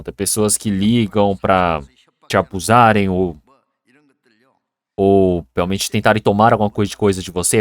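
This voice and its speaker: A male pastor preaching a Sunday sermon in an earnest way that grows lively when he tells everyday stories. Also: lowish voice, no room sound.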